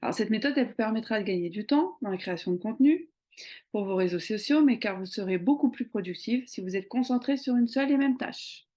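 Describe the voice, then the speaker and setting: A woman's voice: a little high, animated, fast talker, dark tone. A young woman explaining social media tips in a casual tutorial, talking conversationally with many hesitant fillers. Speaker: social media marketing coach.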